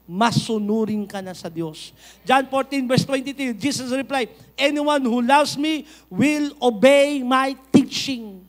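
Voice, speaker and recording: High-voiced Filipino pastor preaching. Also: male voice. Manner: animated preaching, mixing Tagalog and English, rising to shouts. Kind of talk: sermon. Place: church.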